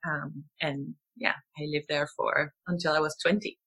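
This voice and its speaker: A woman's voice: sits low, little pitch movement, moderate pace, fairly bright tone, slightly rough. A young woman from Venezuela, a guest telling her story in a rambling, casual way with many fillers and restarts. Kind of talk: casual conversational interview.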